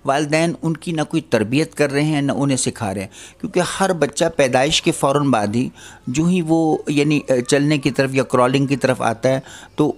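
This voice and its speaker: An older man giving an earnest religious lecture, admonishing his listeners and posing rhetorical questions. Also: medium pitch. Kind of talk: Islamic lecture on parenting.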